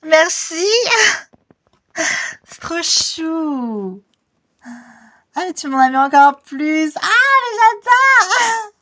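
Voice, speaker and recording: A woman voicing a giggly young woman gushing over her partner in a high, squealy voice. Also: animated, extremely slow, pauses often, fairly bright tone, full character voice. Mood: smitten.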